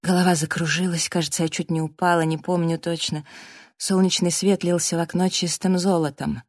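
A woman narrating a first-person audiobook in a steady, dramatic reading. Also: fairly low pitch, a little fast, no echo, clean studio sound.

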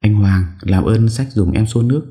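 A man's voice: lowish voice, moderate pace, mellow, voice pushed up, lightly acted. A man voicing a young female hotel worker who scolds impatiently. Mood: scolding. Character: young woman hotel worker, sharp-tongued.

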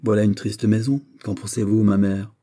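A man's voice: flat delivery, moderate pace, dark tone, lightly acted. A man voicing a jealous whining young prince. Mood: sulky. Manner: whining, sulky, rising to shrill outbursts.

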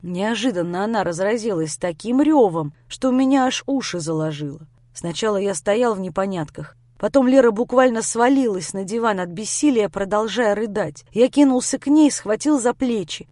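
A woman reading a first-person story aloud as an audiobook narrator, with expressive storytelling. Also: mid-range voice, moderate pace, hardly any pauses, no room sound, studio quality.

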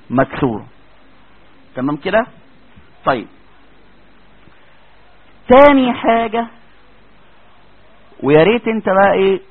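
A man's voice: fairly high pitch, slightly rough. A man with an Egyptian accent teaching Quran recitation in a classroom lecture. He explains each rule step by step and keeps asking if the students are following. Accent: Egyptian Arabic. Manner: explains step by step, checks understanding with frequent questions. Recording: tinny lo-fi lecture recording.

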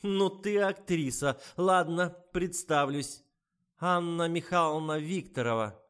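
A man reading an audiobook and voicing a greedy, bullying old woman who shouts her accusations in a high, drawn-out voice. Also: lively intonation. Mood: shrill accusing.

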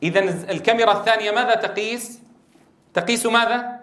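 Man, recitation lesson, high voice, echoey classroom, drills letter sounds. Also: fairly even intonation, quick pace. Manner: loud stressed demonstrations of letters. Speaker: Quran recitation teacher. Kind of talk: tajweed lesson to trainee teachers.

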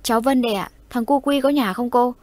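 Woman reading a worried young village mother calling at the gate, raised and higher than her narration. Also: fairly quick, a little mellow, dry recording, natural voice. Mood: anxious. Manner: urgent, calling out.

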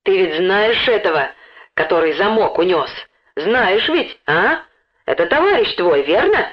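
A woman reader voicing a stout, red-cheeked woman who yells in a shrill, piercing voice and accuses loudly, on a dull lo-fi recording. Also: very animated, measured pace, breathy edge. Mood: accusing. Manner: bellowing, accusing.

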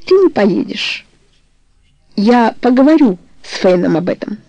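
A woman's voice: a little high, lively intonation, unhurried, mellow, dry recording, dull audio. A woman voicing a remorseful, passionate older man in a storybook reading, speaking earnestly and tenderly. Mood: assured.

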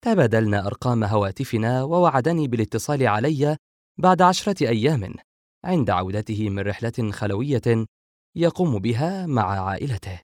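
A man's voice: mid-range voice, expressive, fairly quick, darkish tone, no echo, studio quality, close to an everyday voice. A man voicing a joking, sarcastic younger brother in an audiobook. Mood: wry. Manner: sarcastic, dismissive. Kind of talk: audiobook character voice.

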